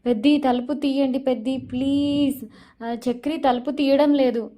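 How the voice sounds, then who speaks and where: A woman's voice: high voice, steady tone, moderate pace, natural voice. A woman playing a frightened, tearful young wife. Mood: tearful pleading. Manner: loud, tearful, pleading.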